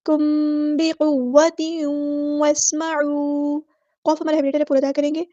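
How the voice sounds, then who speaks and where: High-voiced woman teaching tajweed. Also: flat delivery, warm tone, no room sound. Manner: explains each rule briskly, then recites words slowly with long drawn-out vowels; methodical, repeating set phrases for every letter. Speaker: Quran recitation teacher. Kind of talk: tajweed lesson, explaining rules and reciting slowly. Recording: dull lo-fi dry audio.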